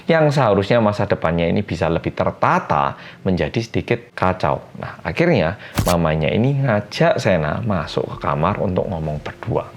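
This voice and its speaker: A man, casually retelling a story in a chatty, animated way. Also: low voice, slight background noise.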